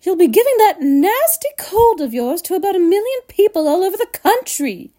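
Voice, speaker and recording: Storybook role: panicked scolding mother, performed by a woman reader, very high screech, exclamatory delivery. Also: big pitch swings, moderate pace, warm tone. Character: frantic, shrieking, scolding mother of a greedy boy. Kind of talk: children's storybook read-aloud.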